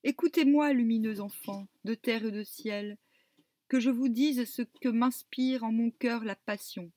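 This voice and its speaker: A woman's voice: fairly high pitch, unhurried, mellow, dry recording, close to an everyday voice. A woman reading the words of Zeus, the commanding king of the gods, as a solemn exhortation.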